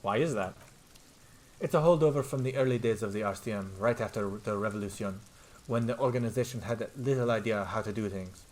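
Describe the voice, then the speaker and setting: A man reading as a quiet, reserved lieutenant. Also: fairly low pitch, brisk, natural voice. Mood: measured. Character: reserved lieutenant, adult man, calm and measured.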